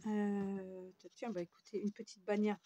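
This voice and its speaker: A French woman hosts a scrapbooking tutorial in a warm, creaky, mid-range voice that moves little in pitch and never hurries. She rambles and jokes at her own expense while working at her craft table, with a faint hiss or hum in the background.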